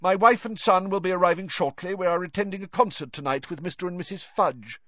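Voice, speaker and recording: A man's voice: sits high, quick pace, fairly bright tone, no echo, dull audio, voice pushed up. A man voicing an exhausted, deranged older wizard official in an audiobook, rambling and gasping with effort. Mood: delirious, officious. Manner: muttering, gasping, broken effortful speech.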